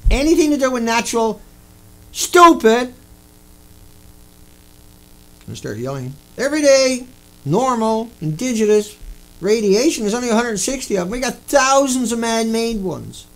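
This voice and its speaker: A man delivering an angry, profane ranting monologue, repeating himself and bursting into shouts. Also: extremely high pitch, big pitch swings, moderate pace, long pauses, poor audio. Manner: repetitive, profane, indignant. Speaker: video host.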